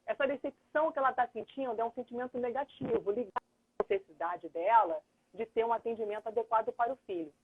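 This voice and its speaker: Husky woman on a tinny line. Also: a little high, fast. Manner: earnest, thinks aloud, acts out dialogue. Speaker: lawyer and mediator, guest. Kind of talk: explanatory live chat. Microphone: phone or computer on a video call. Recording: tinny phone-like livestream audio.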